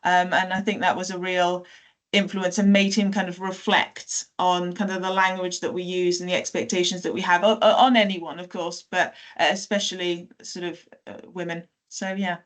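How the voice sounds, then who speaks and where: A woman's voice: on the low side, level tone, moderate pace. Chatty woman guest, casual storytelling. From South Wales. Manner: chatty, many fillers and self-corrections, light laughs. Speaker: teacher and podcast guest.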